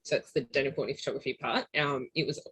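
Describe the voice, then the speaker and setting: A woman's voice: a bass voice, steady tone, quick pace, fairly bright tone, slightly rough, no room sound, rough recording. A woman from Newcastle in New South Wales with an Australian accent, a guest on a podcast who chats in a bubbly way, laughing often and using lots of fillers. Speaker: podcast guest, travelling photographer's partner. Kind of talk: casual interview chat.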